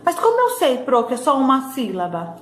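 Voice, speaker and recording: A woman teaching a recorded lesson to young children, sounding out syllables slowly and checking in often. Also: high voice, huge pitch swings, a little hiss or hum. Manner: slow syllable-by-syllable drilling, frequent "tá bom?" checks. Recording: echoey room with faint ambience.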